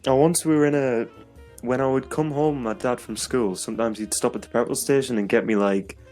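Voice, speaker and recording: A man's voice: mid-range voice, steady tone, a little fast, faint music behind. A young man, co-hosting a casual podcast and telling stories that are full of laughter. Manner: laughing, storytelling with loud acted quotes. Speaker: podcast co-host. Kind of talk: casual chat.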